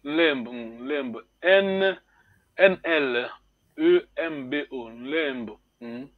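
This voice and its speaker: A man teaching a language class, explaining slowly and hesitantly, repeating words and chuckling often. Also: medium pitch, phone-quality sound.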